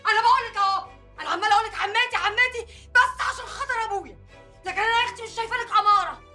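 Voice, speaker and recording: A very high, sharp Egyptian sister. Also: female voice, faint music behind, exaggerated voice. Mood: angry. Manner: sharp, fast, rising to shouts. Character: young woman defending her family, hot-tempered.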